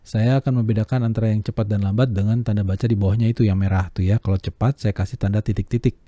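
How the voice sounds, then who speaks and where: A man lecturing on how to read a script aloud, explaining each element and pausing to demonstrate it with his voice. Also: fairly even intonation, mellow, no echo. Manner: demonstrates pitch, pace and voice color by example. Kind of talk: lecture on script reading, with vocal demos.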